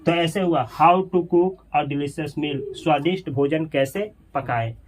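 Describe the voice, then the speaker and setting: Male teacher, slightly high voice, quizzes the class and repeats their answers. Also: takes it slowly, soft background music. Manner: asks questions and repeats answers. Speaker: English teacher. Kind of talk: classroom grammar lesson.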